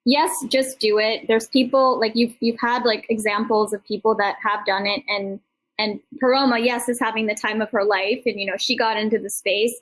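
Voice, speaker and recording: As host and founder on an online summit panel, a middle-aged woman talks in a slightly high, a bit bright voice with fairly even intonation and normal speed. Her manner is casual and encouraging, rambling effusively from personal stories to motivational pleas. The recording is rough.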